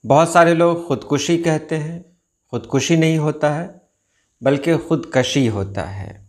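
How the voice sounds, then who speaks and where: A man teaching correct Urdu pronunciation, repeating each word slowly and carefully. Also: a little high. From India. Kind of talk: pronunciation lesson.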